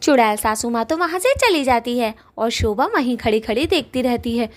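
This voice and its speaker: A woman narrating a cartoon ghost story in a lively storytelling manner. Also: a little high, normal speed.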